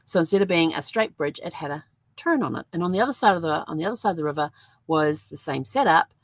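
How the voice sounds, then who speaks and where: A woman's voice: sits low, lively intonation, fast talker, dry recording. A woman hosting a show, telling a story in a rambling, chatty way with lots of fillers. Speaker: host. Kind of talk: casual chat.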